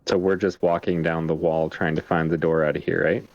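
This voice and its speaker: A man talks casually as a player in a tabletop game, deliberate and thinking aloud. His voice is very deep, and the recording is muffled and lo-fi. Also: little pitch movement, a little mellow.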